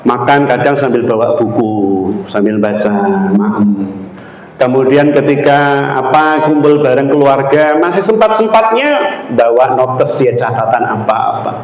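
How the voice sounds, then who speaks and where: A male Islamic preacher with a Javanese accent, giving an animated sermon and quizzing the audience with questions. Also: medium pitch, unhurried. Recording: echoey hall, faint background noise.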